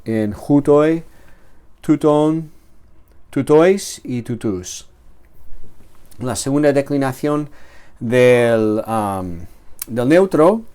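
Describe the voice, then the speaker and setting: A man teaches a grammar lesson at a slow, steady pace. His voice sits in a middle pitch, and he often pauses on "eh" and "am" while he repeats himself to explain. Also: clear, resonant tone. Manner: slow and explanatory, with fillers and restarts. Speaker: Greek teacher.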